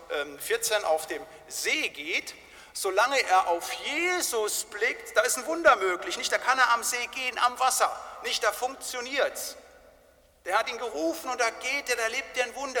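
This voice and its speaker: A male pastor delivers a sermon in a high, bright voice, pressing his points with constant tag questions. The church around him lends a long, lingering reverb to every phrase. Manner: emphatic, with frequent tag questions.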